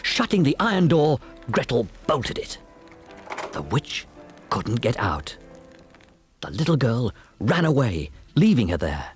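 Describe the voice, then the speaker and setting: A man narrating a children's fairy tale on a storybook cassette with an expressive, dramatic delivery. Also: mid-range voice, a little slow, long pauses, faint music behind.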